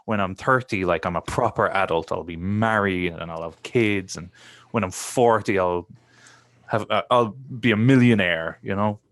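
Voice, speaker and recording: A man's voice: sits low, normal speed, fairly bright tone, no room sound. A man of thirty, chatting casually and thinking aloud on a podcast, with lots of fillers and restarts. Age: 30s. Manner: rambling, reflective, many fillers and restarts. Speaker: podcast co-host. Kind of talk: casual chat.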